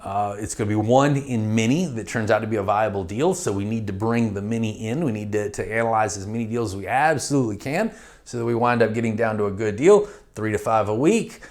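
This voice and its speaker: A man's voice: on the low side, brisk, darkish tone. Direct-talking man teaching real estate. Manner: direct, conversational, acts out phone calls. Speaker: real estate investing instructor. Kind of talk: training lecture.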